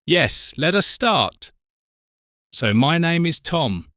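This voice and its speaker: British man, forties, English teacher podcast, very slow careful speech, crisp dry sound. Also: on the high side, sing-song, fairly bright tone, no room sound. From Britain. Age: 40s. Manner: slow, careful, spells out words. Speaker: co-host of an English lesson podcast. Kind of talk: slow scripted teaching talk.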